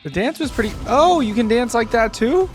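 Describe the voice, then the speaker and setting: A reaction video host with a very high-pitched voice comments live, casually and informally, with lively intonation at a moderate pace. He thinks aloud and exclaims often while game music and sound effects play behind him.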